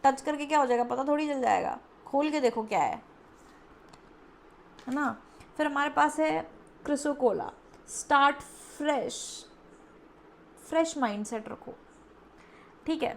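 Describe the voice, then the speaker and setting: A woman's voice: high voice, measured pace, gravelly, pauses often, slight background noise. A woman giving a pick-a-card tarot reading in a chatty, coaxing way, acting out the listener's doubts. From India. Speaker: tarot reader.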